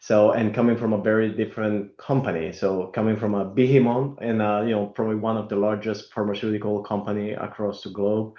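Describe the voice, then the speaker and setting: Man with halting, roomy, dull audio. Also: on the low side, flat delivery. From Italy. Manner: halting, many fillers and restarts. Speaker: guest, company executive. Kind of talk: conversational interview.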